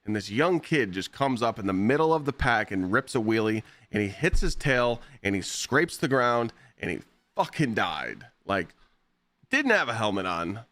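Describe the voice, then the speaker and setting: A man streaming live, telling blunt, profane stories in a casual, animated way. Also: on the low side, moderate pace, no echo. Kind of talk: casual storytelling while gaming.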